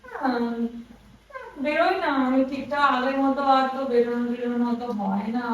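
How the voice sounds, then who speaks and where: A woman's voice: a little high, normal speed. A young woman vlogging and chatting on a staged phone call, teasing and getting sharper when challenged. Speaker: vlogger pranking her husband. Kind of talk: casual vlog chat and staged phone call. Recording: echoey room, from far off, faint hiss.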